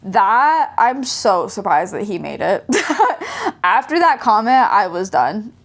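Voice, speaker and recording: A woman's voice: a little high, big pitch swings, slow pace. A young woman with a light Southern drawl, chatting casually at home, rambling and filling her talk with "like". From American South. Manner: rambling, heavy use of "like" fillers. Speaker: vlogger.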